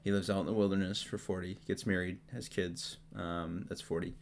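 A man co-hosting a podcast, casually teaching Bible stories with jokes and quick acted-out quotes. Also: sits low, gravelly, slight background noise. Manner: relaxed, joking, acts out quotes. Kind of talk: casual Bible study chat.

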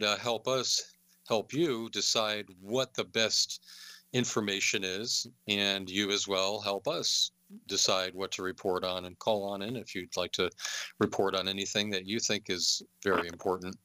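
A man hosts a call-in radio show in a low yet bright, forward voice. He rambles along with many filler uhs and slips in sarcastic asides. The sound is dry and close, with no room around it. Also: clean tone, dry recording.

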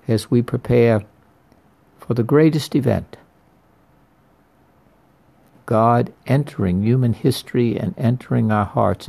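A man preaching a slow, deliberate sermon, repeating his key phrases for weight. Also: lowish voice, vocal fry, mellow. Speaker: priest.

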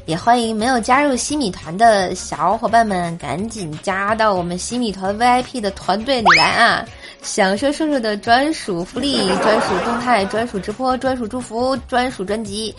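A woman's voice: fairly high pitch, normal speed. A woman hosting a comedic podcast, telling funny stories in a playful way and often laughing as she talks. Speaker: podcast host. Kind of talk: comedic joke storytelling. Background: background music.

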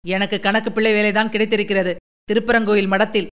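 A woman's voice: mid-range voice, little pitch movement, quick pace, a bit bright, clear, resonant tone, close to an everyday voice. A woman reading a story aloud and voicing a short-tempered young man in her own voice, curt and brusque.

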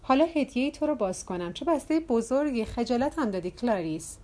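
A woman reading a loud, talkative hostess who pokes fun at herself and chatters on cheerfully. Her questions lift upward in pitch, and the delivery stays close to a plain audiobook reading. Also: expressive, close to an everyday voice. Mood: chatty.

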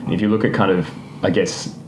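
Man, casual podcast chat, very low voice, roomy echoey sound, rambling. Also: fairly even intonation, quick pace, a little mellow, a little hiss or hum. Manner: rambling, laughs often, self-correcting. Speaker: podcast co-host. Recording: roomy echo.

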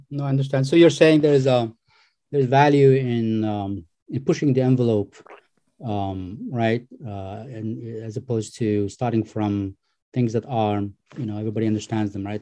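A man from Algeria hosting a remote interview, speaking hesitantly with many pauses and restarts. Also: mid-range voice, fairly even intonation, warm tone. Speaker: podcast host interviewer. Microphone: video call.

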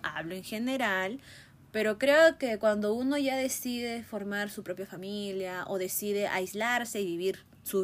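Reflective young woman musing aloud. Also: mid-range voice. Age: 20s. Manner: thinking aloud, musing, ends points with a questioning tag. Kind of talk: reflective casual monologue.

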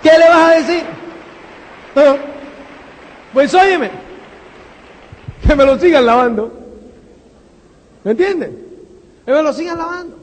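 A man giving a motivational talk, firing rhetorical questions and tagging lines with a quick "eh?". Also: very high voice. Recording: long hall reverb.

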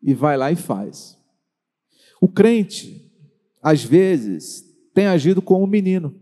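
A Brazilian pastor preaches in a high, dark-toned voice. He stretches out key words and puts direct questions to his listeners. His voice rings with the long reverb of a large church hall. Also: very animated. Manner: preaching with slow, drawn-out emphasis and direct questions to the congregation. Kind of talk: sermon. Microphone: handheld or stand microphone.

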